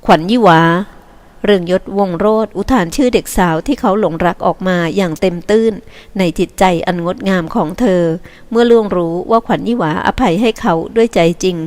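Calm woman narrating a novel. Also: medium pitch, brisk. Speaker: audiobook narrator.

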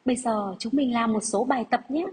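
A woman primary school teacher giving a dictation lesson to young pupils, deliberate and measured, repeating phrases. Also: fairly high pitch, darkish tone, breathy edge.

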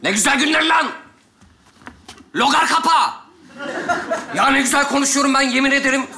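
Man, very bright voice, high, brash threats, stage comedy. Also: moderate pace. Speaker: teacher in a comedy sketch.

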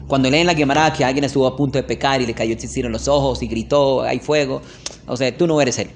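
A man's voice: mid-range voice, fairly even intonation, quick pace, noisy background. Chatty man teaching a class. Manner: chatty, asks "¿ok?" often, tells anecdotes with laughter. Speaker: religious teacher. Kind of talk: informal classroom lesson.

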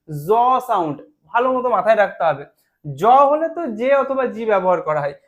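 A man teaching a spelling lesson, explaining patiently step by step, slowing down to spell words out and often checking "right?". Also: high voice.

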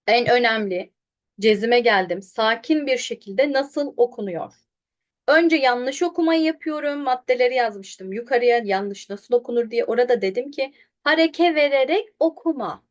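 A woman teaching pronunciation online, sounding out syllables slowly and contrasting wrong and right versions. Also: fairly high pitch, animated. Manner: directly addresses students, quotes them animatedly. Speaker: Quran recitation teacher.

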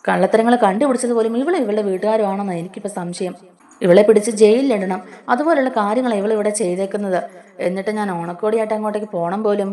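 A woman's voice: mid-range voice, quick pace, mellow, close to an everyday voice. A woman voicing a scornful young husband. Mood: angry scornful. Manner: accusing, scornful outbursts. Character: angry young husband, bitter and suspicious.

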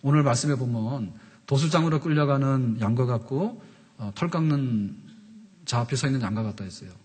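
Husky 50s pastor man preaching chatty, lots of "right?", church reverb. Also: medium pitch, a little fast, a little mellow. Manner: conversational preaching with rhetorical questions and gestures. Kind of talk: sermon. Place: church sanctuary pulpit. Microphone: pulpit microphones.

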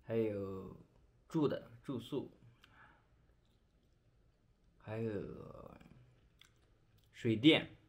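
A man's voice: fairly low pitch, extremely slow, pauses often. A young adult man from China chatting casually as he eats, talking with his mouth full and chewing between phrases. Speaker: vlogger. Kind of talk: casual chat while eating. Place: small indoor bedroom.

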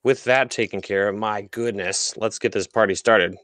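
Man, lowish voice, dry close-miked sound, casual co-host banter. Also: steady tone, normal speed, fairly bright tone, no echo. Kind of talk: casual livestream chat.

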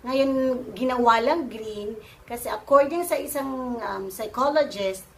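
Slow-talking playful Filipina vlogger. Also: female voice, a little high. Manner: playful, teasing, laughs often. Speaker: vlogger answering viewer questions. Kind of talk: casual Q&A vlog.

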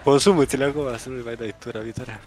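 A man's voice: medium pitch, fairly even intonation. A man chatting casually while playing a tournament match, cheering and groaning at the plays. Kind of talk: casual gaming banter.

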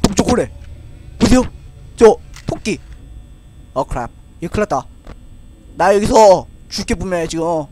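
Scared, high-pitched man streaming horror games. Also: animated, measured pace, long pauses, mellow, a little hiss or hum. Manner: scared, jumpy, exclaiming and repeating words in panic. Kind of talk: live game commentary. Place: indoor room at a desk, streaming with webcam.

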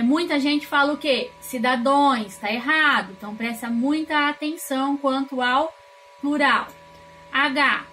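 A woman from Brazil, a teacher, giving a recorded grammar lesson and explaining slowly with rhetorical questions. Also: sits high, fairly bright tone, a little hiss or hum.

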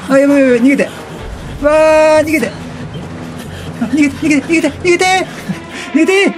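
This gaming streamer's voice is very high and a little fast as he reads game text aloud during an excitable let's-play. He's chatty and reactive, repeating short exclamations over the video game music.

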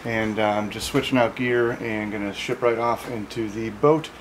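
A man's voice: fairly low pitch, steady tone, normal speed, noisy background. A man in his thirties, chatting casually with lots of fillers as he vlogs a camping trip, speaking outdoors into an action camera. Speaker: camping vlogger. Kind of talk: casual vlog narration. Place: outdoors at a lakeside campsite. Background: music.

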